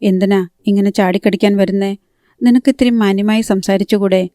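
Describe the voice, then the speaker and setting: A woman reading a gentle, puzzled young man. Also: medium pitch, flat delivery, moderate pace, no room sound, clean studio sound, natural voice.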